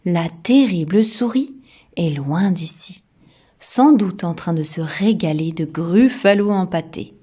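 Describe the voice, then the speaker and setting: A woman voicing a wily, calmly taunting snake, reading a storybook to a toddler. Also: on the low side, takes it slowly, slightly rough, exaggerated voice.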